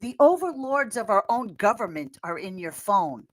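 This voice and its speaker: An American woman giving animated political chat as a podcast guest, fiery and sarcastic, mocking others in squealing voices. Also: medium pitch, normal speed, poor audio. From United States. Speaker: podcast guest, social media commentator.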